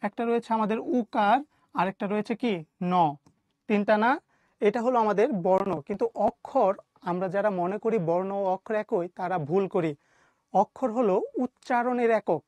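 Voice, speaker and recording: A woman teacher with a Bangladeshi Bengali accent teaches an online class. She asks her students a question, waits a beat, and answers it herself. Her voice sits at a middle pitch and sounds dry and close, with no room around it. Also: darkish tone, dry recording.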